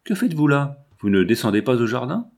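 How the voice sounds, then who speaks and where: A man reading aloud and voicing a lively young woman with a teasing, impatient manner. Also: mid-range voice, brisk.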